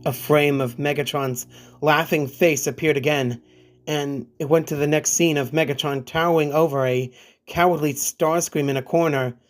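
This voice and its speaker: A man's voice: fairly high pitch, fairly even intonation, normal speed. A man reading a scripted creepypasta as narrator, with music playing behind him. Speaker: horror story narrator. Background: background music.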